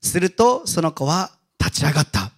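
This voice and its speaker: A male pastor giving a Sunday sermon, telling stories in a casual, animated way. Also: fairly high pitch, moderate pace. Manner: animated storytelling with casual asides.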